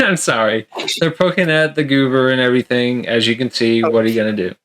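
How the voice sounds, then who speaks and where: A man's voice: mid-range voice, a little fast, fairly bright tone. A man running a tabletop game as game master, rambling with lots of fillers and frequent laughter.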